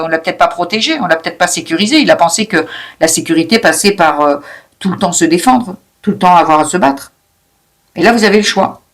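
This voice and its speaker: A woman giving an unscripted spiritual oracle card reading. She talks fast, with many restarts and repeated words, in a calm, coaching tone. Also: lowish voice. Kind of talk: spontaneous spiritual guidance reading.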